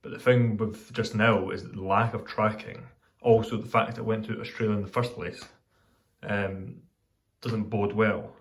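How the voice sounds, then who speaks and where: Low-voiced man, hesitant and meandering. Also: flat delivery, moderate pace. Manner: hesitant, meandering, self-correcting mid-sentence. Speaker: hobbyist vlogger giving updates. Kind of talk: casual rambling update vlog.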